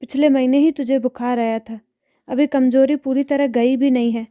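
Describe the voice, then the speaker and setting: A kind, composed woman in her thirties talks in a storybook tale, as a woman reader voices her. Her voice sits high and sounds deeply mellow. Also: steady tone, normal speed, no room sound, lo-fi sound, close to an everyday voice. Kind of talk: storybook narration.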